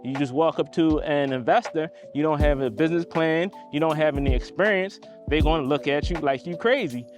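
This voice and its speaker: A man co-hosting a podcast, explaining and summing up points in a steady, explanatory way. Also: fairly high pitch, brisk, few pauses, over music. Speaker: podcast co-host. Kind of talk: casual conversational discussion.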